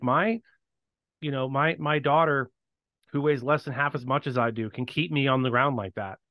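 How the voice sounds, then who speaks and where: A man co-hosting casual commentary on a video, steady and agreeable, asking questions. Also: medium pitch, no room sound. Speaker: co-host.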